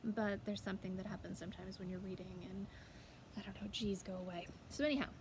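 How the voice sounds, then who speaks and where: A woman's voice: medium pitch, steady tone, fast. A woman chatting casually to viewers, over-enunciating her words to keep the mountain twang in check. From rural mountains of the United States. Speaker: author and host. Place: outdoors in a backyard. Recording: clear outdoor background noise.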